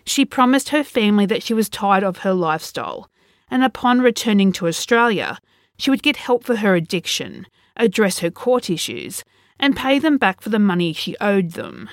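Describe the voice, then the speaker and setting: A woman hosting a podcast, reading a scripted true crime narration in a measured, serious, suspenseful storytelling manner. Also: mid-range voice, big pitch swings, no room sound, studio quality.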